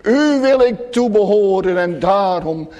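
A man preaching a sermon to his congregation, solemn and emphatic, often dropping to hushed tones. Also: high voice, animated, unhurried, muffled recording. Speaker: pastor. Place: church. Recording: long church reverb.

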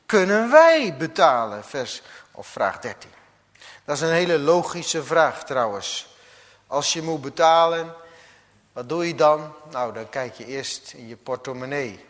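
A man preaching a sermon as a pastor, slow and deliberate, now and then acting out the figures of a parable. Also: on the high side, animated, a bit bright, big-room sound.

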